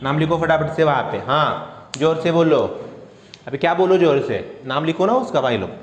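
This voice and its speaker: A man's voice: fairly high pitch, expressive, reverberant. A young male chemistry teacher lecturing online, drilling and playfully scolding his students as he talks them through each step. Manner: teasing, scolding, quick drills.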